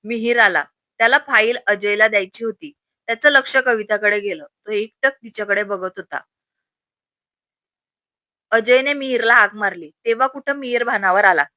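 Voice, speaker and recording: Woman storyteller, steady narration, bright voice, dry recording. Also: a little high, moderate pace, dry recording.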